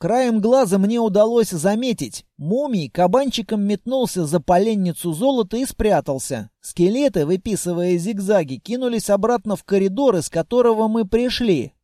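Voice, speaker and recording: A man narrating a fantasy audiobook in the first person with lively storytelling. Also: high-pitched, normal speed, few pauses, no room sound, clean studio sound.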